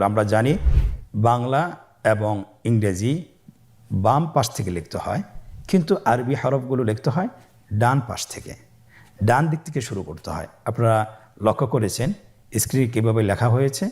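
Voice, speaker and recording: A man teaching beginners the Arabic letters in a recorded lesson, calmly saying each letter sound and pausing for students to repeat it. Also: mid-range voice. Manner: slow, patient call-and-repeat drilling; stretches letter sounds long. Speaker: Quran teacher.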